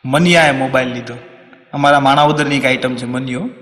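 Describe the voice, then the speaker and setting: A man from Saurashtra with a Kathiawari Gujarati accent, telling comic stories on stage in a lively way. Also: medium pitch, a little fast, slight background noise. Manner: lively, swings into loud acted quotes. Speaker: stand-up comedian. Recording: long hall reverb on a stage mic.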